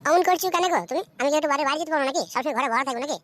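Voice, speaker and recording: Playing a coy, defiant young Bengali village wife from a comic cartoon, a woman speaks in an extremely high voice at a very fast clip, switching between wheedling and bickering. Her tone is fairly bright, the recording has no echo, and she comes across as defiant and sulky.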